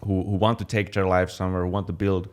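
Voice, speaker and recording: A young man from Finland chatting casually as a fitness channel co-host, relaxed, with many fillers and restarts. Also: sits low, quick pace. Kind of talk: casual chat.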